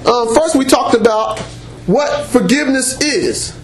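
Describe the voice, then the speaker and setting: With a strikingly high voice, a preacher gives sermon-style teaching to a congregation, loud, emphatic, animated and a little slow, punctuating points with call-and-response praise. A room mic picks up his unamplified voice as it rings through an echoey church room with faint hiss.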